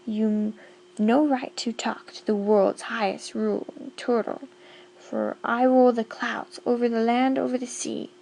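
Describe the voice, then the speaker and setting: A woman's voice: fairly high pitch, fairly even intonation, unhurried, creaky. Yertle, a woman doing a bellowing boastful turtle king. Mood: indignant. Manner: bellowing, bossy and loud.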